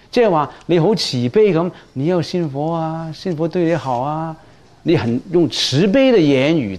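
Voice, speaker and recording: A man's voice: fairly high pitch, darkish tone. A man teaching Buddhist precepts in a dharma lecture, speaking emphatically and often repeating words as he restarts.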